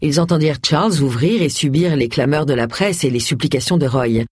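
An audiobook narrator reading a novel in an expressive, varied way. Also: medium pitch, brisk, breathy edge, no echo, clean studio sound. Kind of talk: scripted narration.

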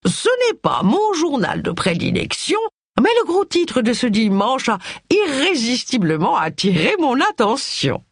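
A woman's voice: a little high, sing-song, unhurried, husky, no echo, clean studio sound, pitched above the performer's own voice, heavily acted. A woman voicing a composed, sarcastic elderly aunt with a nasal voice in an audiobook.

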